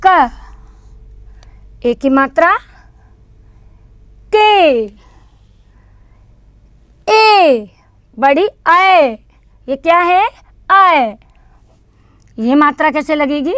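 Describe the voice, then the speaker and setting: High-pitched lady teacher going slow, says each sound twice for the kids, dry close sound. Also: expressive, fairly bright tone. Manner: slow, patient, repeats each sound for children to echo. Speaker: kindergarten teacher. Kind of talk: online lesson teaching Hindi vowel signs.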